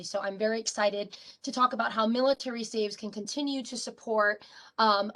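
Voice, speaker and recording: Woman program director, mid pitch, friendly upbeat presenter. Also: a bit bright. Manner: upbeat, friendly, with light ums. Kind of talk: virtual meeting presentation.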